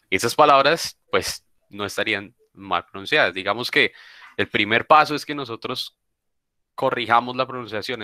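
A man runs an English lesson online through a video call, addressing students as "papá" and hammering his points home through insistent repetition in a casual style. His voice is medium in pitch, pushed and bright, with no audible room.

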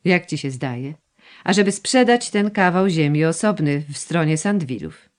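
Woman narrator voicing a plaintive aristocratic mother; gushing, coaxing, lively sing-song reading. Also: low-pitched, moderate pace. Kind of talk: audiobook dialogue reading.

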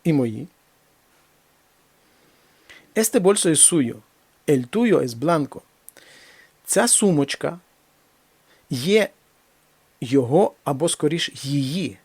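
Man teaching a language lesson, fairly high gravelly voice, slow careful examples, dry close sound. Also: lively intonation, darkish tone, no echo. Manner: slow, deliberate reading of examples, then explains. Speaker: Spanish teacher.

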